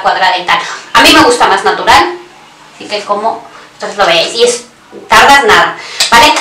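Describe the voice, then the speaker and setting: A woman's voice: fairly high pitch, sharp tone, slight background noise. A woman giving a casual makeup tutorial, chatty and talking straight to her viewers, often stopping to correct herself. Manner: chatty, addresses viewers directly, frequent self-corrections. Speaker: beauty vlogger. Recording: roomy echo, voice somewhat far from mic.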